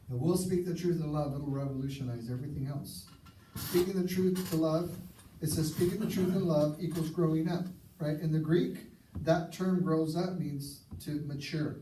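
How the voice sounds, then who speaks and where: A man's voice: on the high side, warm tone, a little hiss or hum. A male pastor preaching a sermon in an earnest, emphatic way, repeating key phrases for effect. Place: church sanctuary. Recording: echoey church recording from far off.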